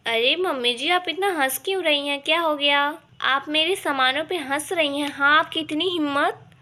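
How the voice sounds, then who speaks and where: A woman's voice: on the high side, measured pace, bright, forceful tone. A woman voicing a pert, vain young daughter-in-law in a toy doll play, with cheeky, defiant talk. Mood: indignant.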